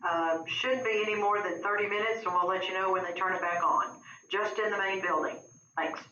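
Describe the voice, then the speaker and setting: Woman on a bright school intercom. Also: mid-range voice, fairly even intonation, fairly quick, a little hiss or hum. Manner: brief, casual and informative. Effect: school intercom loudspeaker. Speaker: school staff announcer. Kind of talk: public address announcement. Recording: lo-fi loudspeaker in an echoey classroom.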